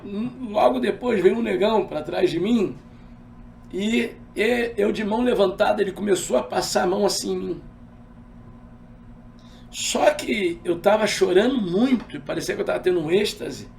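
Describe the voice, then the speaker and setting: Homem carioca de voz rouca e aguda. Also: male voice, high-pitched, normal speed, vocal fry, recorded from a distance, slight background noise. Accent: carioca Brazilian Portuguese. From Rio de Janeiro. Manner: animated storyteller, acts out dialogue. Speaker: pastor. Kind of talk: personal testimony in an interview.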